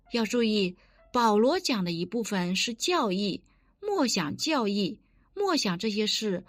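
Woman preacher, sermon style, earnest and instructive; animated pitch, dry recording. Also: no room sound. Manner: earnest, instructive, quotes scripture.

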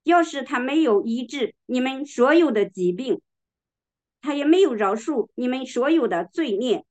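A woman preaching a sermon, reading scripture slowly and with emphasis, now and then clearing her throat. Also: high-pitched, lively intonation, a little mellow.

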